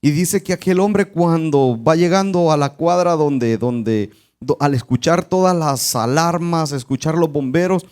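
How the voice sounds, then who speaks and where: A man's voice: a little high, a little mellow. Earnest male pastor preaching. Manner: earnest storytelling. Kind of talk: sermon.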